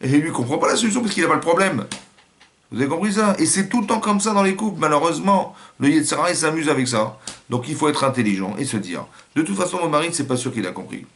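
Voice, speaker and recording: A man's voice: on the high side, animated, quick pace, fairly bright tone. A man with a French accent giving a religious lesson as a rabbi, acting out little scenes and quotes in changing voices.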